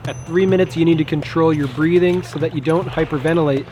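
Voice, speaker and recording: A man's voice: fairly high pitch, steady tone, fast, over loud music. A man giving scripted voice-over narration for a challenge vlog he took part in. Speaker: narrator and participant.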